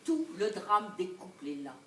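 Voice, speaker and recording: An actress playing a scheming, vengeful jilted wife in a live stage comedy, laughing and swinging between loud outbursts and low asides. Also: female voice, very animated, normal speed, a little hiss or hum. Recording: echoey stage recorded from far off.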